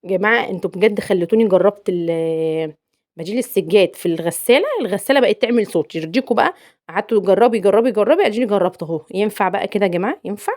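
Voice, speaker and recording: Talking very fast in a mid-range, darkish voice, a young adult woman from Egypt with an Egyptian Arabic accent provides the chatty voice-over for her home cooking vlog. She teases playfully and repeats words for emphasis.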